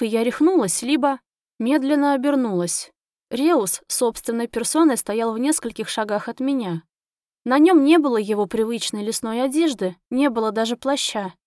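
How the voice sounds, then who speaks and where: A woman narrating a romantic fantasy audiobook in the first person, expressive and emotional. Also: on the high side, no echo, studio quality.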